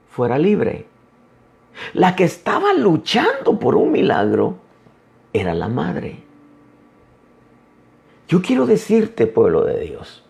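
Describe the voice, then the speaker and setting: A man preaching a sermon as an apostle, emphatic with dramatic pauses. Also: fairly high pitch, creaky, darkish tone.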